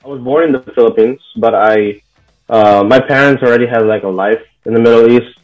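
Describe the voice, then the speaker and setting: A young man from Bahrain, an interview guest, talks in a relaxed, casual way peppered with "like" and "you know." His medium-pitched voice runs a little fast, the audio sounds dull, and soft music plays in the background.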